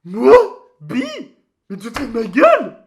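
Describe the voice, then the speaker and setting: A man's voice: on the high side, measured pace, darkish tone, a little hiss or hum, close to an everyday voice. A man voicing a touchy, boastful mascot creature in a comic mock interview, rambling in crude slang. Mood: indignant. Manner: slangy, crude, hesitant rambling storytelling with outbursts.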